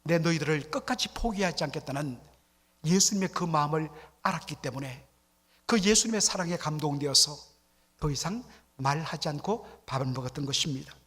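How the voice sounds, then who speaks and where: A man's voice: fairly high pitch, brisk, a bit bright, slightly rough. A man preaching a Sunday sermon as pastor, often asking the congregation questions and acting out dialect jokes. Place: church sanctuary. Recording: long church hall reverb.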